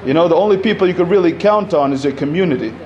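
A panel speaker, a man in his thirties from Egypt, races through a conversational public talk at a community center hall podium, full of fillers and restarts. His voice is on the high side with lively intonation. On the podium microphone recording, the high frequencies are cut off.

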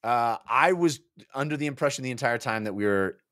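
A man in his forties co-hosts a book club podcast from a small home office, talking casually into a close desk microphone on a boom arm. His mid-range, fairly bright voice is expressive and brisk, full of jokey, hesitant asides, and a little hiss or hum can be heard.

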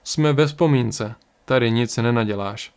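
A man voicing a calm, stern, mysterious card reader who speaks gravely and evenly. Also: mid-range voice, natural voice.

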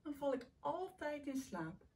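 A restless little turtle who can't fall asleep, whining and grumbling in a woman's storybook voice. The lines come slowly and swing up and down in pitch. It sounds a little distant from the mic. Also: big pitch swings, a little mellow, full character voice. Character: sleepless male turtle, sighing and restless.

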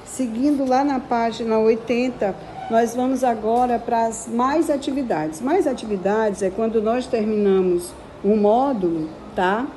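Slow, patient Brazilian woman teacher. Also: a little high, mellow, slight background noise. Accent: Brazilian Portuguese. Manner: slow, patient, drawing out words to stress syllables. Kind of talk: recorded school lesson.

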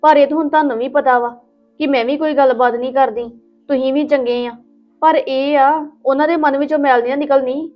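A woman playing a soft-spoken patient young wife. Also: high-pitched, steady tone, fairly quick, close to an everyday voice. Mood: conciliatory. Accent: Punjabi. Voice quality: soft, soothing, polite. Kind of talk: village family drama acting. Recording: dull lo-fi with music.

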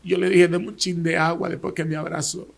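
A man's voice: a little high, flat delivery, fairly quick, vocal fry, breathy edge. A male pastor, giving an emotional personal testimony in dramatic storytelling style. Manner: dramatic storytelling, voicing others in quotes.

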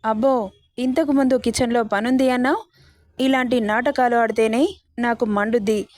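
A woman's voice: a little high, fairly even intonation, moderate pace, dry recording, studio quality, natural voice. Woman voicing a harsh angry young husband. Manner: shouting, scornful.

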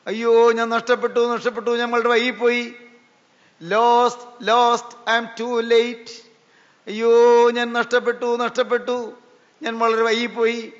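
A preacher voicing a terrified, regretful dying man, drawn out and wailing slowly. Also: very high-pitched, completely flat delivery. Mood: despairing. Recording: reverberant, dull lo-fi recording.

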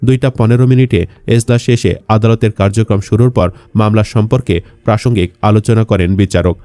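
A man's voice: lowish voice, fairly even intonation, fairly quick, dark tone, dry recording. A man reading scripted news narration for an online channel.

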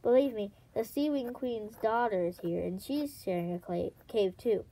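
A woman's voice: medium pitch, normal speed, warm tone, lightly acted, rough recording. A woman voicing a cheerful, firm young female dragon.

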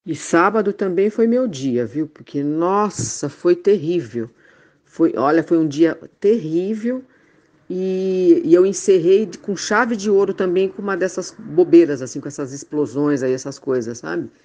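Woman, casual reflective talk; low, mellow voice, halting speech full of fillers, frank and exasperated. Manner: halting, many fillers and restarts. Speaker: conversation partner in spiritual talk.

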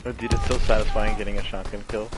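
A man gaming with a friend, chatting casually and gushing with excited exclamations. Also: fairly low pitch, quick pace, low-quality recording. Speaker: gamer. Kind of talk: casual chat while playing a video game. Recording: loud gunfire from the game.

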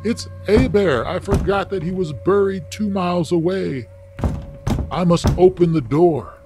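A man voicing a frantic, grieving old mother in a read-aloud story, shrill and pleading. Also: sing-song, a little slow, over music. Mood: desperate.

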